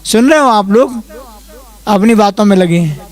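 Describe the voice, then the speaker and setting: A man who is a monk, leading a class in reciting and explaining Sanskrit verses, chanting slowly and then explaining in quick asides. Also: high-pitched, lively intonation. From India. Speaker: Jain monk teaching a class.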